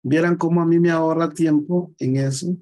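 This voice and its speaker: A man teaching an office software class live, walking students through each step on screen and checking often that they follow along. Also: fairly high pitch, fairly even intonation, normal speed, low-quality recording. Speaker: computer skills teacher. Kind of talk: live online class, explaining screen steps.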